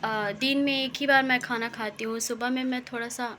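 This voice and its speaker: Young woman from India, home vlogger, unhurried and pausing, slightly higher voice. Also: steady tone, a bit bright. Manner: slow, deliberate, pausing often. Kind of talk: casual home vlog narration. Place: home, indoors.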